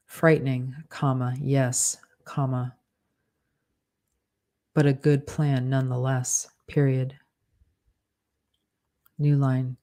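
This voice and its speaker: Writer dictating fiction, spoken punctuation; mellow tone, unhurried delivery. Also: medium pitch. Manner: measured, flat dictation, spelling out punctuation and corrections.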